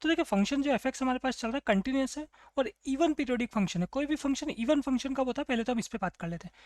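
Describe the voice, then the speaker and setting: A woman's voice: sits high, dry recording. A woman teaching a math problem, asking the class questions and answering them herself. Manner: asks and answers her own questions, "clear?" checks. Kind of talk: explaining a math problem on a board.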